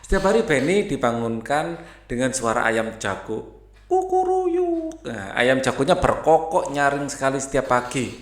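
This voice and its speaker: A man's voice: medium pitch, lively intonation, moderate pace, echoey room. A man teaching a primary school textbook lesson in a casual, chatty way, reading aloud and mixing in English words.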